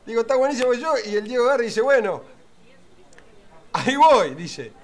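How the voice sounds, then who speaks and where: A man's voice: very high voice, very animated, a little fast. A man with a Rioplatense accent playing an earnest middle-aged man who tells rambling anecdotes full of fillers and asides in a comedy sketch. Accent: Rioplatense Spanish. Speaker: friend telling anecdotes.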